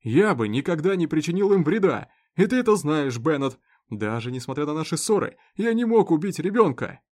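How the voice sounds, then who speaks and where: A man voicing an enraged grieving farmer who shouts in fury, in a read-aloud story. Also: fairly high pitch, big pitch swings, brisk, voice pushed up. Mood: furious. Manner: shouting, furious.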